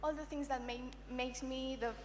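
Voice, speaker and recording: A woman's voice: high-pitched, fairly even intonation, moderate pace, a little hiss or hum. Hesitant young woman from Colombia, echoey. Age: young adult. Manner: hesitant, searching for words. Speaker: panelist. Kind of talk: self-introduction on stage. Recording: echoey hall, voice off mic.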